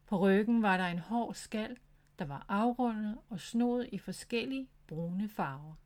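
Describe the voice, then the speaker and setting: A woman narrates a children's storybook in a gentle, clear reading voice. Her pitch sits in an ordinary middle range.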